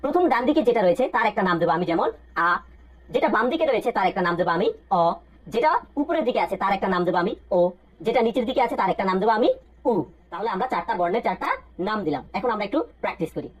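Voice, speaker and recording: A woman's voice: mid-range voice, animated, very fast, slightly rough, muffled recording. A woman with a Bangladeshi Bengali accent teaching a language lesson, patiently repeating sounds in drills and asking questions that she then answers herself. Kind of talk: step-by-step spoken lesson with repetition drills.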